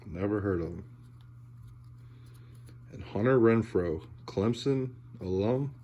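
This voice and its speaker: Low, slow-talking man with heavy breathing. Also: dark tone, highs cut off. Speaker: host of a sports card pack-opening video. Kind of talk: casual unboxing commentary.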